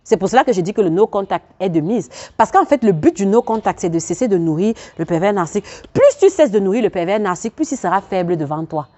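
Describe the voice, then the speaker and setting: This self-help coach has an expressive, mellow mid-range voice and rattles along with few pauses. Preaching earnestly to the viewer, she repeats phrases for emphasis and laughs between her points.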